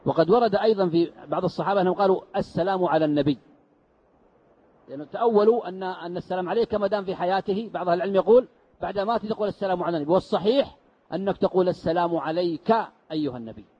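Fast, high-voiced sheikh teaching. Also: male voice, husky. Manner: explanatory, asks rhetorical questions and answers them. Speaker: sheikh teaching Quran commentary. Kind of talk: mosque lesson. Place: mosque. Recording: dull lo-fi lesson recording.

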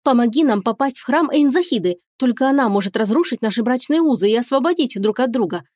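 A woman's voice: on the high side, lively intonation, fast talker, dry recording, studio quality. A woman voicing a feisty, theatrical young princess who exclaims and plays at tears, in an audiobook. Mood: pleading. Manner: loud, exclaiming, mock-tearful. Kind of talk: audiobook character reading.

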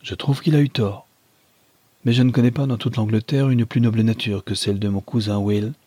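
A man voicing a gentle, firm young woman. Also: lowish voice, fairly even intonation, brisk, slightly rough, no room sound. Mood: cool, firm.

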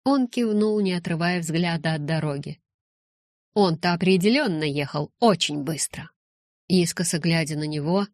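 Lady reading an audiobook in first person, low-ish voice, dry close mic. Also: dry recording. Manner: measured narration, urgent shouting in her own dialogue. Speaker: audiobook narrator.

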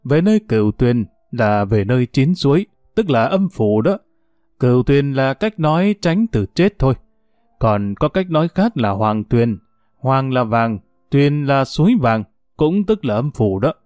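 A man's voice: mid-range voice, very animated, measured pace, a little mellow, no room sound, clean studio sound, soft background music. A man doing a patient old grandfather. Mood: patiently explaining. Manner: patient, explaining. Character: wise, gentle old grandfather, patient teacher.

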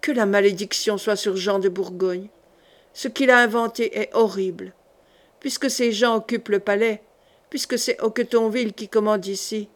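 A woman's voice: medium pitch, lightly acted. A woman reading a scared hired killer, urgent. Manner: urgent, insistent questioning. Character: frightened male hired killer reasoning. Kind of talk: audiobook character voice.

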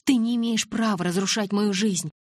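Brief: female reader doing a frantic teenage girl, low husky voice, storybook audiobook. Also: fairly quick, dry recording, studio quality. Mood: pleading. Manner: pleading, rising to shouts. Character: frightened desperate teenage girl.

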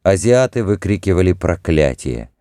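Male audiobook narrator, very low, dark tone, dry close sound. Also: big pitch swings, normal speed, no room sound.

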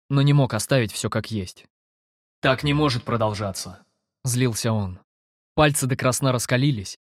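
A man narrating a fantasy audiobook in a steady, measured way. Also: medium pitch, no room sound, clean studio sound.

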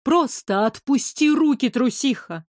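A woman reading an audiobook, voicing a stern, exasperated middle-aged mother who scolds briskly. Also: a little high, no echo, studio quality, close to an everyday voice. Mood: stern, scolding. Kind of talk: audiobook character voice.

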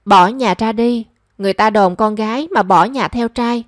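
A woman's voice: a little high, normal speed, no echo, studio quality, close to an everyday voice. A woman voicing a stern older mother who coldly reproaches her runaway daughter. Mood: bitter, cold. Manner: cold, bitter and reproachful.

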